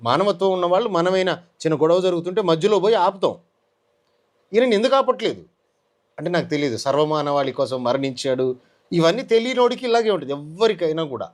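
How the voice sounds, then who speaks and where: In a brisk, fairly high voice with lively intonation, a man shares his personal testimony in an interview. He tells it earnestly, performing the dialogue of the people involved.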